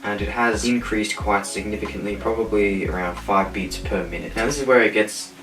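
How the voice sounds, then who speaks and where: Low-voiced man vlogging in a roomy echo. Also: steady tone, a little fast, over music. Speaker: vlogger doing a sleep deprivation challenge. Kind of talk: vlog narration and self-talk.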